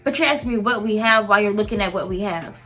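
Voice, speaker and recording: A young woman in a casual storytime rant about fast food work, animated and mimicking customers. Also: mid-range voice, soft background music. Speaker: vlogger and fast food worker.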